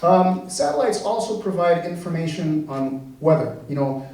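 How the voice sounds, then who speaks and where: A man, an engineering professor raised in Venezuela, giving a relaxed public science talk with lots of fillers and restarts. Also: on the high side, normal speed. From born in the US, raised in Venezuela. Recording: very echoey room, mic far off.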